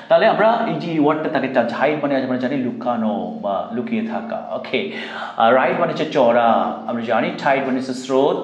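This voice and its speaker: A man with a Bangladeshi accent teaching a spoken English lesson, pausing often with fillers and drilling simple sentences. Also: medium pitch, echoey room. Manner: slow, hesitant with many fillers, repeating drill sentences. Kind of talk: classroom lesson mixing Bengali and English.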